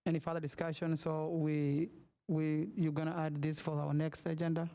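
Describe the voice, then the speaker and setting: A man from Somalia, chairing a meeting over a video call in halting, word-searching English. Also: on the high side, level tone, dark tone. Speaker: commission chair.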